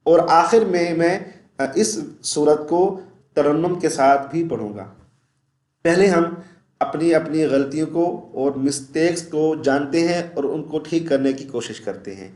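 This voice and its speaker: A man teaching Quran pronunciation, explaining quickly and reciting verses slowly and melodically, often asking "okay?". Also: on the high side, a little mellow, echoey room. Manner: often checks in with "okay?" and "theek hai?". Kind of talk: tajweed lesson with melodic recitation.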